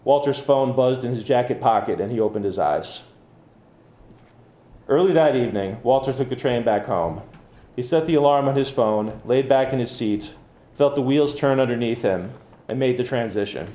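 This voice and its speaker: Mellow-voiced man reading his story. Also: medium pitch, moderate pace, roomy sound. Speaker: author reading his fiction. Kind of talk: public fiction reading. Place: bookcafe reading event.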